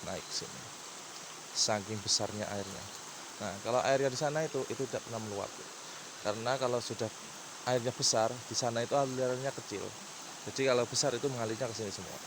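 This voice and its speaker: Halting man, noisy outdoor vlog. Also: mid-range voice. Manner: halting, repeats words and searches for them. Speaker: vlogger, local guide. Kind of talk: casual outdoor night exploration vlog. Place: outdoors at night beside a rural river. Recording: noisy outdoor recording with insects and stream. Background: crickets, insects, running stream.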